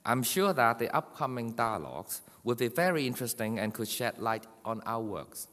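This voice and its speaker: A man's voice: mid-range voice, lively intonation, fairly bright tone. A man giving a formal welcome speech as moderator at a podium in a large conference hall. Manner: measured, formal delivery. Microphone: podium microphone. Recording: long hall reverb.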